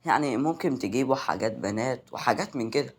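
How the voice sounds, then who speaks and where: A man's voice: mid-range voice, lively intonation, fast talker, slightly rough. A man voicing an easygoing young man in an Egyptian accent, in a read-aloud story.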